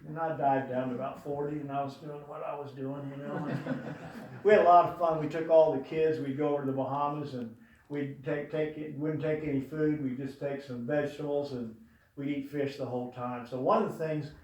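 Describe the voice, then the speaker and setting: At a memorial in a large room, an older man tells rambling, loving stories of his late brother to an audience, filling them with fillers. He talks a little fast, with a slightly high, slightly mellow voice and fairly even intonation. The room is very echoey, and he sounds distant from the microphone.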